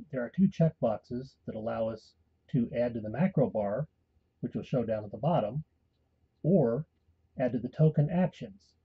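Husky man explaining software steps calmly. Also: medium pitch, phone-quality sound. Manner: calm step-by-step instruction. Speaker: tutorial host and game master. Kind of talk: screen-recorded software tutorial.

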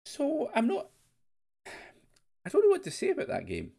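A man's voice: very high voice, wildly swooping pitch, measured pace, creaky, mellow. A man giving casual let's-play commentary, rambling and thinking aloud with the odd swear word. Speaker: game streamer.

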